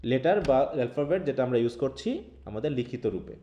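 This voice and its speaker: A man's voice: mid-range voice, sing-song, fairly quick, dull audio. Bangladeshi man teaching, echoey room. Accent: Bangladeshi Bengali. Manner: keeps checking in with students by asking questions. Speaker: English teacher. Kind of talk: online class lecture.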